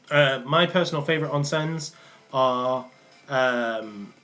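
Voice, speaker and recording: Heavy background noise surrounds this young man as he answers chat on a casual live stream in a small indoor room. His voice is medium-pitched and slow, and his Mancunian accent, partly worn off, slips in and out; he's from England's Manchester area and talks loosely, full of ums and restarts.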